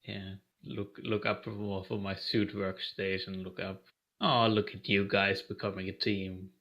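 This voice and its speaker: A man in a casual tabletop game, his voice a bit low and easygoing, often breaking into laughs. The audio sounds dull and lo-fi. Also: flat delivery, measured pace, a bit bright. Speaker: player. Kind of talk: casual tabletop role-play.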